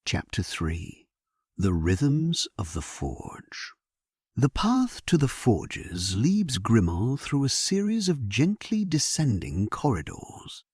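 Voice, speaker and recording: A man narrating a bedtime sleep story in a gentle, hushed, soothing way. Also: lowish voice, breathy edge, dry recording, studio quality.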